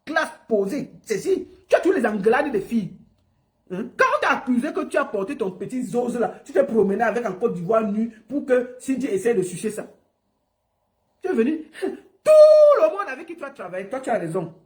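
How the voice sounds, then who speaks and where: A woman's voice: fairly high pitch, lively intonation, fairly quick. A woman ranting on a livestream, mocking and scolding someone with lots of repetition. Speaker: online personality. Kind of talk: livestream rant.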